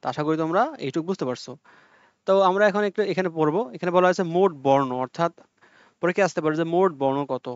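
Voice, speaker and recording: A young man teaching an exam-prep lesson at a quick clip, his voice sitting a little high. He explains each point step by step and repeats the key facts to make sure his students follow. The audio is dry and close, with a dull, lo-fi sound. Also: clean tone, no echo.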